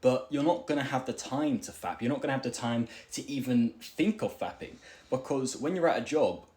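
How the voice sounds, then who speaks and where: A man's voice: medium pitch, animated, fairly quick, darkish tone. A young man giving casual self-improvement advice while working out, out of breath, rambling with lots of fillers and "right?" tags. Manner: rambling, filler-heavy, keeps asking "right?".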